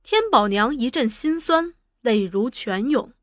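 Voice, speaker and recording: A woman's voice: on the high side, expressive, measured pace, fairly bright tone, dry recording, studio quality. Woman reading a serialized novel aloud. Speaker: storyteller.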